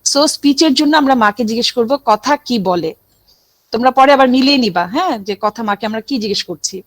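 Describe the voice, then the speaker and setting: A middle-aged woman lectures a class of medical students. Her voice sits a little high, and she explains step by step, often stopping to check that her students follow. The sound is close and dry, with no room echo. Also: expressive, brisk. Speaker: medical teacher.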